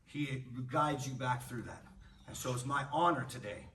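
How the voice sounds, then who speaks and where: Bright-voiced coach speaking from across the gym. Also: male voice, mid-range voice, moderate pace. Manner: animated, emphatic, swears freely. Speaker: martial arts coach. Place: martial arts gym, indoors. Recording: distant voice with faint room noise.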